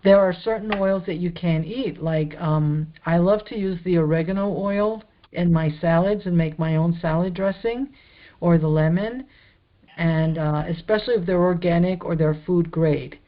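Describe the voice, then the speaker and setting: A woman's voice: lowish voice, normal speed, dull audio. A woman teaching about healing in a casual, rambling, explanatory way with many fillers.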